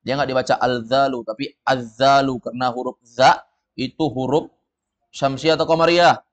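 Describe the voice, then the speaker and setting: A man's voice: medium pitch, steady tone, moderate pace. A man teaching an Arabic lesson to a group, saying words for them to repeat and explaining their meanings. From of Padang descent. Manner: drills words, students repeat. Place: study room with a group.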